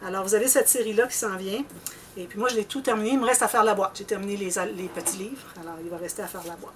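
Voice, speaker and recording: A woman with a Québécois French accent hosting a scrapbooking channel, chatting casually to viewers in a rambling way and often clearing her throat. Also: mid-range voice, steady tone, fast talker, distant mic, a little hiss or hum. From Canada.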